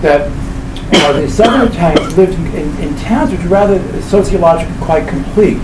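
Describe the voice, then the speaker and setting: A professor in his seventies presents his book informally to a live audience in an indoor library event room, his voice slightly high. He halts and wanders, repeating phrases and correcting himself. A camera mic several meters off picks up a roomy sound with loud background noise.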